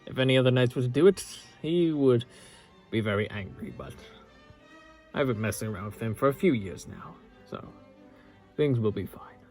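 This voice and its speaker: In a romantic audio roleplay, a man voices a loyal young knight, the princess's tender childhood friend and lover, speaking gently and earnestly with halting pauses. His mid-range voice has a sing-song lilt and a fond, earnest mood, with orchestral music playing behind him.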